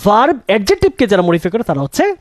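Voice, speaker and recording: Lively man teaching grammar. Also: high voice, rapid-fire, no room sound, studio quality. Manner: asks questions and answers them himself, repeats key words. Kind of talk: classroom-style grammar lesson.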